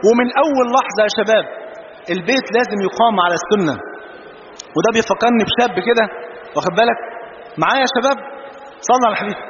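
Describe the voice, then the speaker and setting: A man from Egypt with an Egyptian Arabic accent, preaching a sermon full of humorous anecdotes and telling his stories in an animated way. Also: high-pitched, racing, long pauses. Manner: animated storyteller, mixes jokes with religious phrases. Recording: dull, roomy, noisy hall recording.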